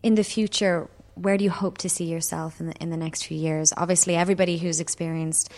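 Lowish-voiced woman interviewer. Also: fairly even intonation, a little fast, a little mellow. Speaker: interviewer and narrator.

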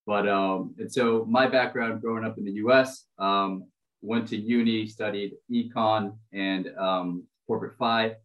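A Brazilian man in his thirties with an American accent, a finance executive appearing as a podcast guest, chats casually in a lowish, slightly slow voice. He's relaxed and uses plenty of ums and uhs, and the sound is lo-fi.

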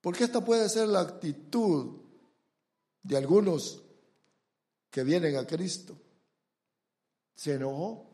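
A man preaching a sermon with emphasis, urging his listeners again and again to look and pay attention, and swinging between loud and hushed delivery. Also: a little high, expressive, takes it slowly, long pauses. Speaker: pastor.

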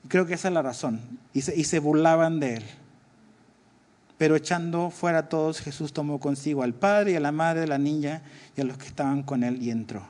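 Conversational pastor preaching. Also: male voice, a little high, darkish tone. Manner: conversational, asks the congregation questions. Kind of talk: sermon.

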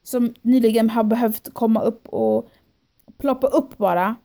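A young woman tells a story as a podcast guest, her voice mellow and a touch high. She acts out what she and others said in the moment and slips English phrases into her talk. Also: vocal fry. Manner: animated storytelling, quoting herself and others. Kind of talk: casual podcast chat.

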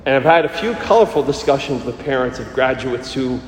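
A man preaching from the pulpit of a large church, his mid-pitched voice ringing out into a long, echoing reverb. He speaks in a measured way and slows down to stress key lines. Faint church ambience sits behind him. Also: lively intonation, slight background noise. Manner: measured, slowing down for emphasis. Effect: echoing church acoustics. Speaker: priest. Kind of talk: gospel reading and sermon.

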